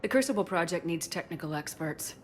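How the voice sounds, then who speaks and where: An actress playing a firm, dry-witted military commander in a video game, direct and assured. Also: female voice, lowish voice, animated, a little fast, slight background noise, close to an everyday voice.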